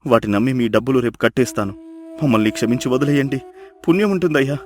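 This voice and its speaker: A man's voice: medium pitch, quick pace, natural voice. A man voicing a poor, desperate fisherman. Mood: pleading. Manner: pleading, anxious. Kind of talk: cartoon dubbing.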